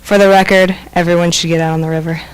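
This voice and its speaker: A woman's voice: fairly low pitch, level tone, fast talker, slight background noise, low-quality recording. A young woman from Kansas City speaking earnestly and cheerfully at a council meeting. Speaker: river trip member.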